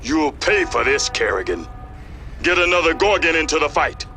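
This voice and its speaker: A determined, angry military commander from a video game barks orders with defiance. His voice is fairly high and very animated, over clear background music. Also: moderate pace. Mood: angry, urgent. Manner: forceful, barking orders. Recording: game audio under music. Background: game music and battle sounds.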